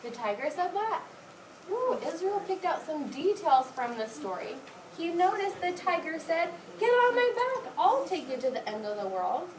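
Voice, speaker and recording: A woman teaching young kids indoors uses a very high-pitched, sing-song voice at a normal speed during a read-aloud lesson, handing out short instructions and praise. Captured from a distance, the roomy recording carries clear classroom background noise.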